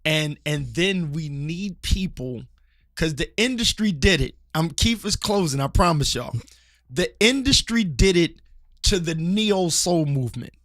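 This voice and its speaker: A podcast co-host from Philadelphia, seated at a studio table beside his partner, chats and rants about church culture with passion, frequently restarting sentences as he rambles. His pitch is fairly high and a bit bright, captured in studio quality with no room sound.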